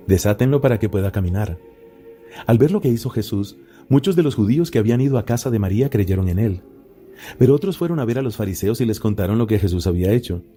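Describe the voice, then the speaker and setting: A friar reads scripture in a low, deeply mellow voice with no edge at all. His delivery is solemn, measured and unhurried, with steady pauses between phrases. Faint Gregorian chant plays softly behind him. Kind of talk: solemn Bible reading. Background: faint Gregorian chant music.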